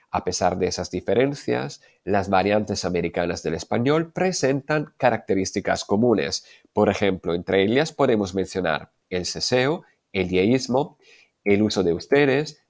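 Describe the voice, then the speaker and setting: Male Spanish teacher with a lowish, animated voice. Methodical and clear, and he slows down to spell out examples. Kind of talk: explanatory language lesson.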